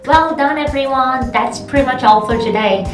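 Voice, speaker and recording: A young woman with a Korean accent teaching an online language lesson, encouraging and repeating phrases slowly for practice. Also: sits high. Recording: roomy, distant mic, faint music.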